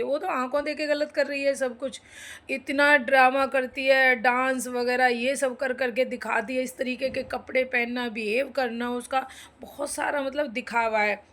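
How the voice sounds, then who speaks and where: A woman's voice: high voice, a bit bright. A woman ranting to viewers in an indignant, scolding way, talking straight at the people she criticizes. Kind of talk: angry opinion rant to viewers.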